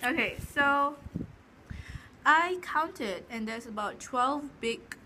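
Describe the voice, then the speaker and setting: High-voiced, animated young woman vlogger. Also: slow. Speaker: vlog host. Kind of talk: casual chat. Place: living room at a table, camera close. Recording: noisy home recording.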